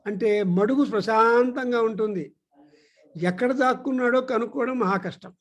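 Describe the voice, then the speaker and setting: A man giving a spiritual discourse at a teaching centre, explaining through stories and pausing with "uh" as he thinks. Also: very high-pitched.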